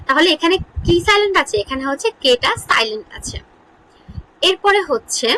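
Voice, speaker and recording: A woman teaching an English grammar lesson in Bengali, asking questions and answering them herself, repeating example words slowly. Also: high-pitched, sharp tone, slight background noise, poor audio. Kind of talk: online lesson explaining English spelling.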